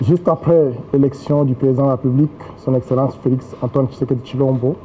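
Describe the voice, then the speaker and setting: A man being interviewed for the news, explaining in a measured way. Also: medium pitch, fairly even intonation, dark tone. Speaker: official interviewed in a news piece. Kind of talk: interview statement. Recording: phone-like thin sound with faint noise.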